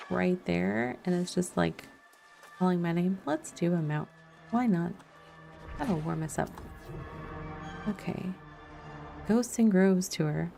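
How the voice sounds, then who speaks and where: This woman's voice sits on the low side, warm with a creaky edge. She's a game streamer narrating her play casually, half talking to herself, with mellow music and game sounds behind her.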